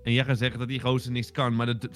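A man co-hosting a casual podcast chat, excitable and exaggerated, repeating himself for effect. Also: mid-range voice, very fast, faint music behind. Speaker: podcast co-host.

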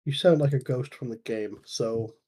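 A man chatting casually while playing a ghost-hunting game, low-key and trailing off into quiet mumbled asides. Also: moderate pace, husky. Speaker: podcast co-host. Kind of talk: casual gaming chat.

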